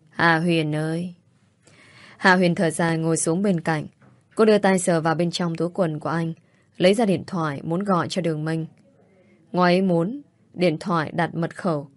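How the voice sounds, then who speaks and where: Woman narrator, audiobook story, steady delivery, lowish voice, dry close recording. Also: no echo.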